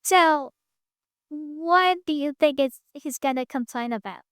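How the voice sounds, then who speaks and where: A woman with a very high voice riffs sarcastically on a video she is watching, laughing often and swearing casually. Her voice sounds close and dry, with no room around it. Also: unhurried, a bit bright, no room sound. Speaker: reaction video host. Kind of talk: casual reaction commentary.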